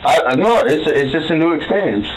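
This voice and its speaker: An eighteen-year-old man answers detectives in an interrogation room, defiant and casual. His voice sits a little high and swings widely in pitch. A faint hiss runs under the recording. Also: lively intonation, brisk, rough recording. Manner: defiant, casual slang, demands a lawyer. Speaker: interrogation suspect. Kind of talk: police interrogation.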